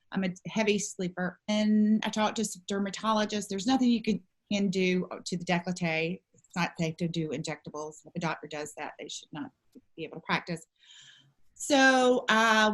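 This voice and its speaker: A woman at a middling pitch. She is a business founder in an interview, recounting her experience in an animated, chatty way. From southern United States. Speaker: beauty company founder, interview guest. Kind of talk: conversational personal storytelling interview.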